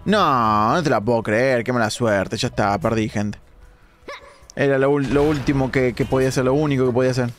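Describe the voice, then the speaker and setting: A young man, hoarse from a sore throat, giving animated live-stream gameplay commentary with dramatic outbursts. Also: medium pitch, fairly quick, soft background music. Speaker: gaming streamer.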